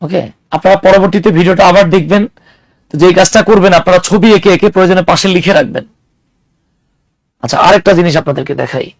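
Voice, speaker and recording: A man's voice: high-pitched, fast talker, no echo, poor audio. A man teaching an English grammar class, explaining with everyday examples and putting questions to his students. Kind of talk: classroom lecture.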